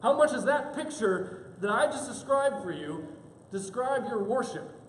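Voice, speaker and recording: A man's voice: very high-pitched, unhurried, a little hiss or hum. A man preaching a sermon, telling a story and acting out the people in it. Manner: animated, acts out characters in quoted asides. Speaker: pastor. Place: church sanctuary. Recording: echoey church hall.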